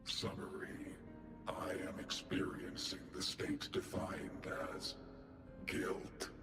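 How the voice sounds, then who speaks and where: In this video game performance, a man plays a solemn, dutiful giant guardian mech that is slowly learning to feel, using formal robotic phrasing and clipped one-word headers before each statement. Low, utterly flat, and slow, the voice carries a solemn, remorseful mood over game music in a cavernous echo.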